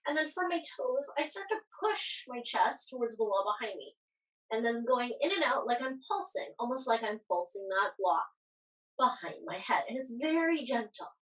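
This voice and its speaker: A woman's voice: on the high side, recorded from a distance, poor audio. A woman giving casual, reassuring yoga class instruction, guiding and encouraging as she goes.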